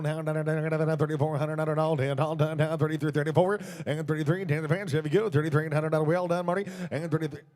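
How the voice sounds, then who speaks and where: A man working as an auctioneer, calling bids in a rapid, rhythmic, repetitive chant of numbers. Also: fairly high pitch, a little mellow.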